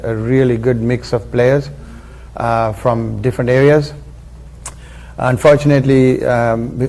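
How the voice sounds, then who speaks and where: A man speaks at a press conference in a measured, reflective way, with many pauses and fillers. His mid-range voice stays flat and even throughout. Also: medium pitch. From Sri Lanka. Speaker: former international cricketer.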